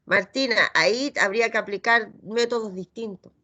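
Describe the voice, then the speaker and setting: A middle-aged woman with a Chilean Spanish accent leads a reading lesson, patiently sounding out letters and syllables. Her voice is fairly high and sharp, and she keeps a moderate pace.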